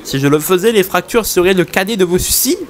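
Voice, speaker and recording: A man reading aloud the lines of a mighty warrior who is wary of hurting his sparring partner, in a steady, measured way. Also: sits high. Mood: calm. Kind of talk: reading game dialogue aloud.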